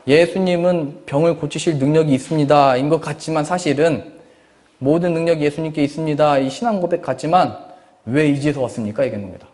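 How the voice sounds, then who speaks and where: Man, pastor, high-pitched voice, sermon at a church service, expressive rhetorical questioning. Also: fast talker, long reverb tail.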